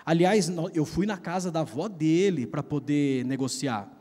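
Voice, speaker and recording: A man's voice: on the high side, normal speed, warm tone. A Brazilian man preaching a sermon, telling a personal story in a casual, slangy way. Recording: long reverb of a large hall.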